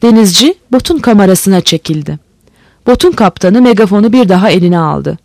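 An audiobook narrator reading a novel in a steady storytelling manner. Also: mid-range voice, fairly quick, creaky, no room sound. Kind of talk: scripted narration. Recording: dry close recording.

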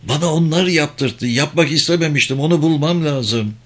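A man's voice: on the high side, moderate pace, voice pushed up, lightly acted. A man voicing a desperate, cornered young man who pleads in a strained, raised voice in an audiobook. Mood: pleading.

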